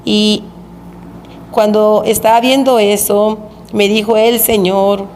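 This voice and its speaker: A woman preacher telling of a vision she had, in a slow, repetitive storytelling manner. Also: mid-range voice, level tone, a little mellow. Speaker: preacher recounting a revelation. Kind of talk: religious testimony of a vision. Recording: echoey hall with faint background noise.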